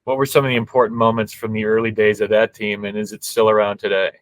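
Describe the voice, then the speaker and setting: An American man hosts an interview and reads out his questions in a steady, measured way. His voice sits a little low, and the recording is close and dry with no room echo. Between questions he adds short, upbeat acknowledgments. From United States. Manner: brief, encouraging replies, reads prepared questions. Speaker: podcast host, interviewer.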